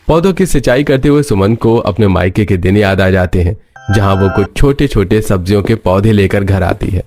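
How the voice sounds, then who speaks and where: A man narrates a cartoon story with a steady, even storytelling manner. His voice sits low. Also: normal speed, over music.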